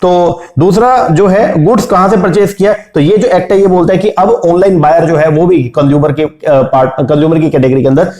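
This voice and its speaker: A man teaches an exam revision lesson in a fairly high but mellow voice. He keeps asking rhetorical questions and answering them himself, letting his pitch fall on each key term. The room around him is echoey. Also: steady tone, a little fast, hardly any pauses.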